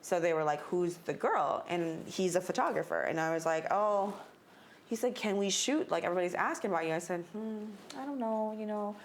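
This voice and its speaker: Woman spilling a story, swears a lot, lowish voice, a bit of hiss behind. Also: fairly quick. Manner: candid storytelling, swears freely. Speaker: guest. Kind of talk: casual chat.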